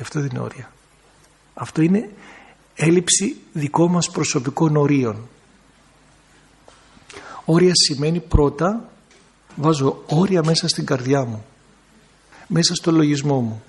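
A middle-aged man, an Orthodox priest, teaches a small group in a talky sermon. His voice sits high and has a gravelly rasp. He slips into quick impressions of the people he describes. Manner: teaching, acts out people in quoted bits. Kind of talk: talk to a group with questions.

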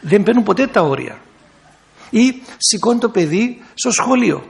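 A man's voice: sits high, sing-song, gravelly. A man who is an Orthodox priest, teaching a group in a conversational sermon and acting out people in quoted bits. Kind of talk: talk to a group with questions.

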